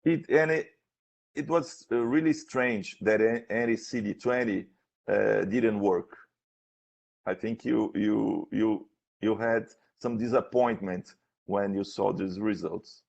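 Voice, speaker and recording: Halting, creaky-voiced man, slow academic questioner. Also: fairly low pitch, a little mellow. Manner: halting, hesitant, repeats words while searching for phrasing. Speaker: thesis defense examiner. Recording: dull, lo-fi sound.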